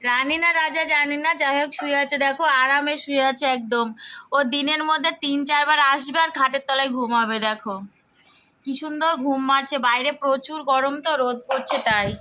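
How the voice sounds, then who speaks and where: A young woman with a hoarse voice, chatting casually to viewers in a home vlog and often asking if they follow. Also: sits high, steady tone, brisk, bright, forceful tone. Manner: chatty, keeps asking "okay?". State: hoarse, sore throat. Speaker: vlogger.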